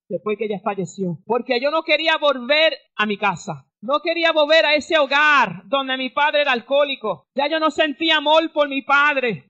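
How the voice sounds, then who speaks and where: A woman's voice: sits high, sharp tone, highs cut off. A woman pastor giving a fervent radio testimony sermon, breaking into praises between her story.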